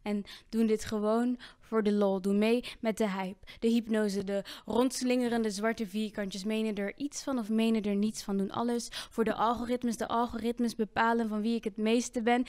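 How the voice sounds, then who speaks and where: A woman performing her spoken word poetry, rhythmic and full of repeated lines, moving between loud and hushed delivery. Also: fairly high pitch, smooth, dry recording, studio quality.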